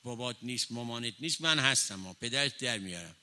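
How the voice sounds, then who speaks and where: A man's voice: mid-range voice, lively intonation, sharp tone. A man voicing a harsh, illiterate housemaid who scolds and threatens a young schoolgirl in a story he tells during a sermon. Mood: scolding. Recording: long hall reverb.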